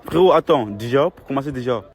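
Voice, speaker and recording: A man's voice: medium pitch, lively intonation, fast talker. A man chatting casually to his followers in street slang, often repeating his phrases. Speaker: vlogger. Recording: noisy outdoor phone video, traffic.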